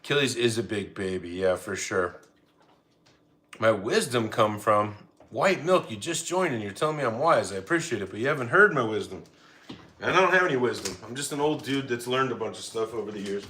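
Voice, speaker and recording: Feeding his dogs at home, this middle-aged man hosts a relaxed livestream, laughing readily as he reads viewers' messages aloud. He speaks briskly, with a lowish, sharp voice and lively intonation.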